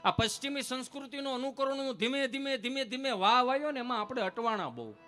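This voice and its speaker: A man performs comic folk stories on stage, teasing and repeating his punchlines with relish. His voice is high and bright, with a sharp, ringing edge. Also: brisk, faint music behind. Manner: lively, teasing delivery with punchy repetition. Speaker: stage comedian.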